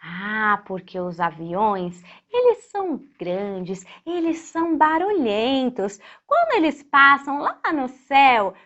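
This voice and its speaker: A wistful talking kite from a children's storybook, acted out by a woman storyteller. It pleads in a childlike way, high and animated, in slightly muffled sound. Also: heavily acted. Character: wistful talking toy kite longing to be a plane.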